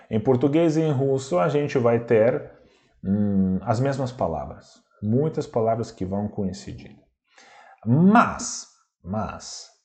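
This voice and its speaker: A man teaching a language lesson, who speaks deliberately, repeats words to model their pronunciation, and asks rhetorical questions. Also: medium pitch, mellow.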